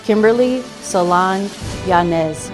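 A woman slowly reads out graduates' names at a ceremony, sounding distant. Loud music plays beneath her voice. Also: mid-range voice. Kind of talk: slow name reading over music.

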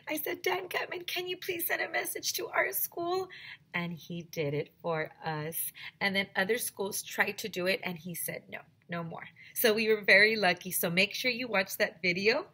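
A teacher in her forties with a mid-range voice reads a chapter book aloud to her students, telling the story in an animated way and switching voices for the characters. She records at home in a small room decorated like a classroom, using a headset microphone with webcam video.

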